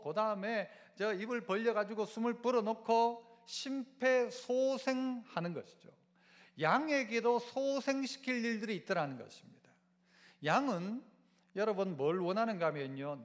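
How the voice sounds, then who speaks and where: A male pastor with a Gyeongsang Korean accent preaching a sermon, asking the congregation questions and having them repeat after him. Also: sits high. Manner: call-and-response preaching, asks the congregation to repeat. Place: church sanctuary. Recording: long church hall reverb.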